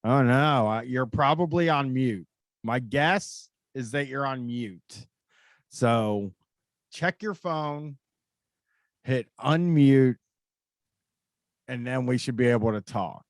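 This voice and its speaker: A man's voice: medium pitch, slow pace, long pauses, no room sound. An American man hosting a call-in show, talking in a casual, rambling, informal way with some swearing.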